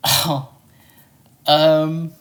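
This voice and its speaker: A man's voice: a little high, flat delivery, drawn-out words, fairly bright tone. A man co-hosting a film review, talking in casual, hesitant chat with lots of filler words.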